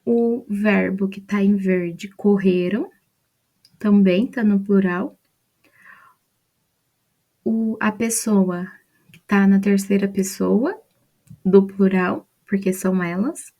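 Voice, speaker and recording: A Brazilian woman explains grammar one point at a time, often checking in with a quick "né?". Her voice is mellow and relaxed, sitting at a middle pitch. She keeps an unhurried, patient teaching rhythm. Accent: Brazilian Portuguese. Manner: patient, step-by-step explaining with "né?" and "então". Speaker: student presenting a study mind map. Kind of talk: explaining grammar from a mind map.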